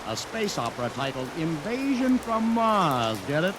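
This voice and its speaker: In an old radio drama, an actor plays a brash, wheeling-dealing publicity promoter and rattles off salesman patter in 1940s radio style. His voice is a little high and very animated, at a moderate pace. The old recording carries loud hiss and the sound of rain.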